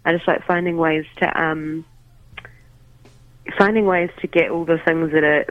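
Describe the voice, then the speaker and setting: A musician guest chats casually in a phone interview from home while making coffee, sounding hesitant with lots of ums and restarts. The voice is medium-pitched with fairly even intonation and a measured pace, on a dry recording over a tinny phone line.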